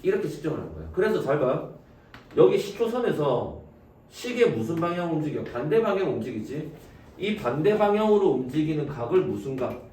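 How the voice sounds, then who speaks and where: Lively man teaching math in an echoey room. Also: on the high side. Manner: asks students questions and answers them himself; casual speech to students. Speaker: high school math teacher. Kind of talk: classroom lecture. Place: classroom. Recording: echoey room, distant mic, faint noise.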